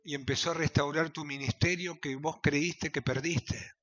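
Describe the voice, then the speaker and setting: A man preaching with a Rioplatense accent, his voice high and bright, cutting through a dull, lo-fi recording. He swings from shouted appeals to low, urgent murmurs. He speaks as a pastor in a fiery evangelical sermon. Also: steady tone, moderate pace, a little hiss or hum. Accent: Rioplatense Spanish. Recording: dull lo-fi sound.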